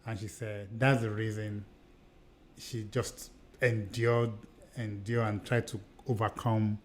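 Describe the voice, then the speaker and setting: This Nigerian-accented podcast co-host, a middle-aged man raised in Nigeria, talks slowly in a fairly low voice with little pitch movement, and a slight hiss or hum is audible. His conversational storytelling is earnest, full of repeated and restarted phrases.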